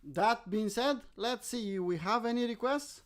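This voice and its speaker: This Romanian man, speaking with a Romanian accent, has a very high, unhurried voice. He hosts casual live crypto trading commentary, joking at his own expense and often posing questions he then answers himself.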